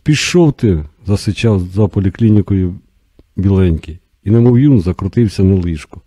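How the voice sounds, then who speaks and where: A man reads a novel aloud at a steady, measured pace. His voice sits somewhat low and sounds very dark and mellow. The recording is dry and close, with no room around it. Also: dry recording. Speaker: narrator. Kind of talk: audiobook narration.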